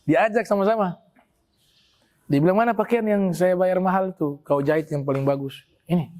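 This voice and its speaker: Animated male preacher telling stories. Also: high voice, normal speed. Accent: North Maluku Malay. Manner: animated storyteller, acts out quoted speech. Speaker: Islamic preacher. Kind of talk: storytelling religious talk.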